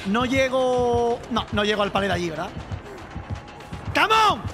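A young man from streaming a game, chatting to viewers and shouting and swearing at the action. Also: very high-pitched, moderate pace, over music. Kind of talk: live gameplay commentary.

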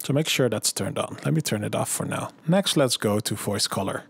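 A man narrating a software tutorial voice-over, calmly walking through each click and setting step by step. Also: mid-range voice, brisk, gravelly, husky. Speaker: tutorial host.

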